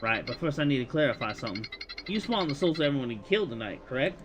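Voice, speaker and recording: A man voicing a tired male detective who speaks in a dry, low-key, deadpan way. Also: quick pace, lightly acted. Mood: stern. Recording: music playing behind voice.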